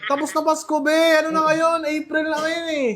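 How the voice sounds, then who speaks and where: A man hosting a comedy skit, talking loudly with an exasperated, teasing manner. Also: extremely high pitch, flat delivery, a little fast, background noise. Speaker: comedian host.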